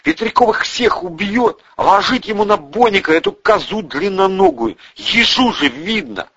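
A man voicing a rough male gang member who gasps out slangy remarks. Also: high-pitched, big pitch swings, normal speed, fairly bright tone, pitched above the performer's own voice, heavily acted. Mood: alarmed. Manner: gasping, slangy. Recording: dull lo-fi audiobook recording.

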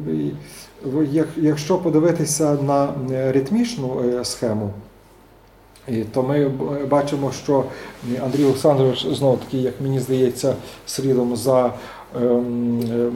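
A man's voice: mid-range voice, steady tone, measured pace, dark tone, a little hiss or hum. A man giving an academic seminar lecture, hesitant, with many filler sounds and restarts. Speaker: seminar speaker. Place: seminar room. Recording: echoey room.

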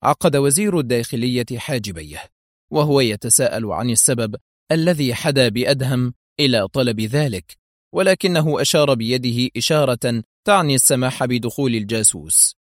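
A male audiobook narrator reads a spy novel in a measured, formal literary manner. His voice sits at a medium pitch, and the recording is dry and close with no room sound. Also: no echo.

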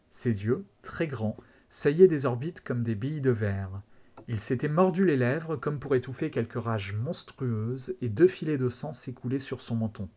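A podcast host reading a novel excerpt aloud in a steady, measured way. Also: male voice, mid-range voice. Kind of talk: dramatic read-aloud narration.

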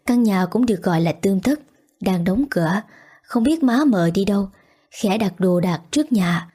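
A woman reads a tragic romance aloud as the narrator. Her delivery is steady and emotive, at a middle pitch. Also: husky. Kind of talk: storybook narration.

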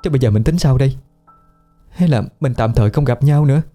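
A man's voice: mid-range voice, fast talker, dark tone, soft background music, pitched above the performer's own voice, lightly acted. A man voicing a young scheming unfaithful wife with a pleading, wheedling manner. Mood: anxious coaxing.

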